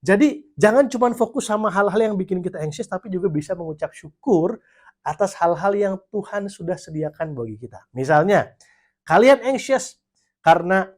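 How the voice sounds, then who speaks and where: A man preaches to young listeners in a relaxed, conversational way. His voice sits a little on the high side, and he drops English phrases into his talk. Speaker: youth pastor. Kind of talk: sermon.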